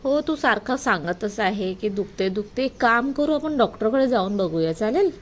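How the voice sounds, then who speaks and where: Give me a woman in her thirties with a fairly high, very lively voice, gently coaxing her kids at home as she vlogs. The phone recording carries clear background noise. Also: moderate pace. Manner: coaxing, motherly questions to the kids. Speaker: mother filming a family vlog. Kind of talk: casual home vlog narration and chat with children. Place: home, indoors.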